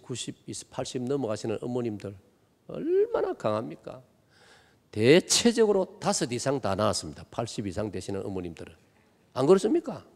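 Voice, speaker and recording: 경상도 억양의 남성 목사, 긴 교회 잔향. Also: male voice, medium pitch, a little mellow. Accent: Gyeongsang Korean. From Gimhae, South Korea. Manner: emphatic, rhetorical questions to the congregation. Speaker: guest pastor. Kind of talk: revival sermon. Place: church sanctuary. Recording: long church hall reverb.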